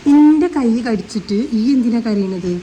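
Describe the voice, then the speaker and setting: A young adult woman, a mother vlogging with her little daughter, coaxing and teasing her with questions, then dropping to quieter asides for viewers. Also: fairly high pitch, expressive, normal speed, a little hiss or hum, poor audio. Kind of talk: casual family vlog chat.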